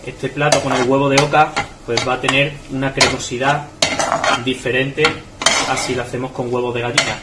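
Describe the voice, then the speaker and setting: A chef's level, medium-pitched voice at normal speed guides viewers through a recipe step by step, and he checks in with them frequently. The tiled restaurant kitchen is small and echoey, its background full of a sizzling pan, frying noise and kitchen sounds.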